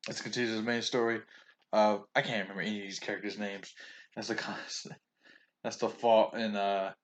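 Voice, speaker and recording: A man's voice: lowish voice, little pitch movement, a little fast, lo-fi sound, a little hiss or hum. A man talking casually in a video about books he bought, rambling, restarting often and stumbling over names, chatty and opinionated. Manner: chatty and opinionated, with frequent chuckles. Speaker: vlogger reviewing a manga haul.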